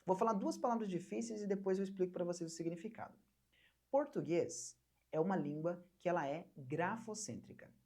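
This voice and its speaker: A young woman from Brazil teaching an online English lesson, patiently repeating words slowly for learners to copy. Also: on the low side, warm tone, breathy edge.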